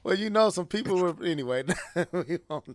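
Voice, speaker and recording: A man hosting a casual gaming stream, playful and often loud as he chats with his co-hosts. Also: high voice, animated, normal speed, no room sound. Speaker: podcast host.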